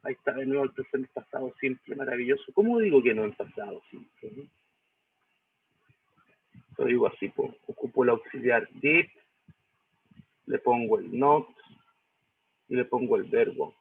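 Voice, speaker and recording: A man's voice: medium pitch, animated, normal speed, creaky, pauses often, breathy edge, no room sound. A male English teacher with a Chilean accent explains a reading step by step, often checking with "¿sí?" and "¿cierto?". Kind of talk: recorded lesson walking through a reading. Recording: tinny phone-like lo-fi audio.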